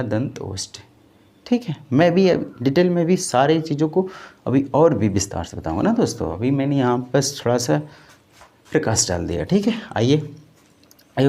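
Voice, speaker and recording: A man's voice: medium pitch, sing-song, normal speed, mellow. A man teaching an exam-prep lecture, repeating key terms and asking them back to his students as questions. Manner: drills by call and answer, addressing viewers as friends.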